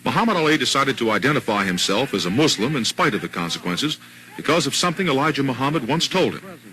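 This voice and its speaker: A man as a news anchor reading scripted narration in a measured broadcast delivery. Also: medium pitch, sing-song, bright, forceful tone, slight background noise, low-quality recording.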